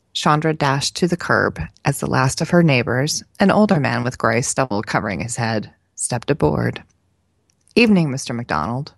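A woman podcast co-host reading a novel excerpt aloud with steady, even narration. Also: a bass voice, creaky, no room sound.

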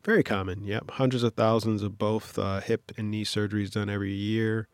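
A man who works as an orthopedic surgeon, from Detroit, explaining things in a measured interview manner with frequent fillers. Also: lowish voice, level tone, no room sound. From Detroit, USA. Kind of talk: interview conversation.

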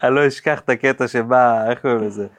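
A man appearing as a guest on a podcast, explaining body language with lively acted-out examples and sound effects. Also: medium pitch. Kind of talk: podcast interview chat.

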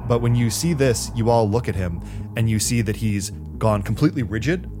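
A man's voice: on the low side, a little fast. A man narrating a tabletop game as game master, telling the story in a dramatic way. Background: music.

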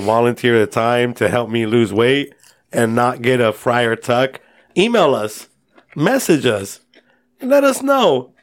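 Joking man chatting on a podcast. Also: mid-range voice. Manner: joking, self-deprecating. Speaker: podcast co-host. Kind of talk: casual chat.

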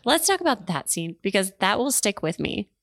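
A young adult woman co-hosting a casual book club podcast, telling stories in an animated way and swearing freely. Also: mid-range voice, moderate pace, no echo, studio quality. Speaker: podcast co-host.

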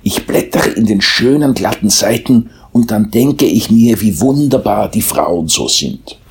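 A man voicing a small, cheerful, blind male mole in a storybook reading, eager and warmly chatty, with a high, breathy voice. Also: lively intonation, measured pace. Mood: dreamy.

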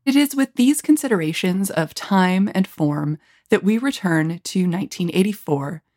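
A woman's voice: fairly low pitch, animated, moderate pace, a little mellow. A woman giving scripted, academic narration as a podcast narrator.

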